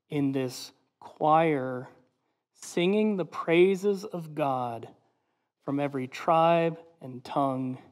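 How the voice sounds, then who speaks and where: A man preaching a sermon as pastor, measured and earnest, slowing on key phrases and letting line ends fall away softly. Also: on the high side, long reverb tail. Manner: closes with a prayer.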